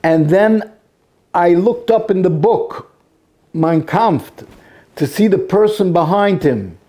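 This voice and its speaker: Guy preaching emotionally in a synagogue, high voice, kinda mellow, repeats himself lots. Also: expressive. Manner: emotional, repetitive, with dramatic pauses. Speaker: singer giving a sermon. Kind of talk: impassioned monologue.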